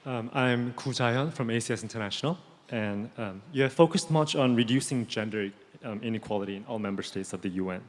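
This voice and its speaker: A man's voice: medium pitch, fairly quick, slight background noise. A teenage male student asking a hesitant question, with many ums, in a large auditorium. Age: teens. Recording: reverberant lecture hall.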